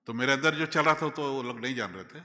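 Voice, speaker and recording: A man, a bishop telling a personal story in a sermon, moving between loud exclamations and quiet asides. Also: mid-range voice, fast talker, long reverb tail. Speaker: bishop preaching. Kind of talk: sermon testimony. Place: church hall.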